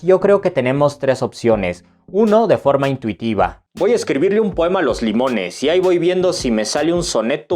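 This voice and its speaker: A man's voice: medium pitch, a little mellow. A Mexican man with a Mexican Spanish accent, teaching poetry in a casual, playful way and answering viewers' questions. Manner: playful, recites verse slowly and taps out rhythms. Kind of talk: casual explanatory lesson.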